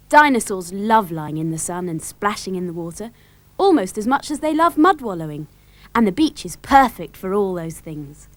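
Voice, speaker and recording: A woman with a British accent narrating a children's storybook in a lively, expressive way. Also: mid-range voice, no room sound.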